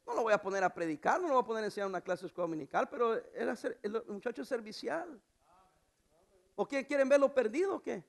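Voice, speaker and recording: A male pastor delivering a sermon, moving between hushed asides and loud emphatic exhortation. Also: lively intonation, fast talker, creaky. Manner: acts out quoted voices in a high pitch.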